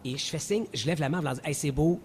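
A man with a Quebec French accent, a radio co-host telling stories with lively energy and frequent laughter. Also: on the high side, fast, crowd noise. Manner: animated storyteller, laughs often. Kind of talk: casual radio banter.

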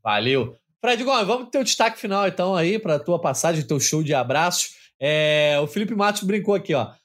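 A man's voice: a little high, lively intonation, normal speed, a bit bright. A man hosting a sports podcast, joking and reading out chat comments. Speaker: host.

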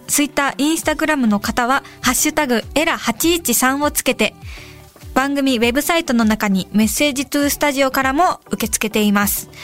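A woman hosting a radio show in a studio, chatting casually about listener messages with giggles and soft whispered asides. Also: high-pitched. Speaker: radio host. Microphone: studio microphone. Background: faint background music.

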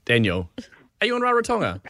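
A man's voice: high voice, huge pitch swings, fast, pushed and bright, dry recording. A man with a New Zealand accent hosting a radio show with casual banter. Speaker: radio host.

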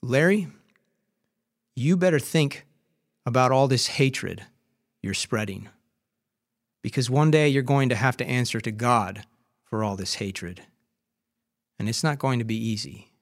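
A man's voice: mid-range voice, measured pace, pauses often, natural voice. A man voicing a firm but caring male rabbi on the phone, speaking earnestly. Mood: stern.

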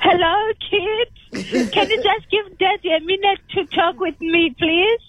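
A woman's voice: very high voice, steady tone, unhurried. A woman sales consultant chatting casually on a sales phone call. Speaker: sales consultant selling life cover.

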